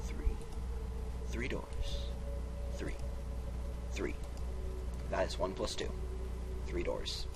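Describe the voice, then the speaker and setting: Speaking extremely slowly in a low, sing-song voice with vocal fry and long pauses, a man gives viewers a playful, dramatic reading of a text game. Music plays underneath as he rambles, sings parts, and cuts himself off with goofy theatrical asides.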